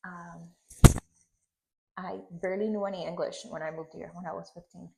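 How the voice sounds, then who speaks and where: On a rough recording, a woman with a low, darkish voice and vocal fry speaks at normal speed in a steady tone. She's a Puerto Rican Spanish speaker in her thirties with the island's accent, instructing a hands-on hairstyling session and often checking in with "okay?".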